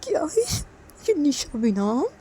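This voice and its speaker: A woman voicing a sulky, hot-tempered young woman who scolds loudly and repeats her refusals, in a storybook tale. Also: mid-range voice, sing-song, fairly quick, a little hiss or hum, pitched above the performer's own voice, lightly acted. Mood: flustered.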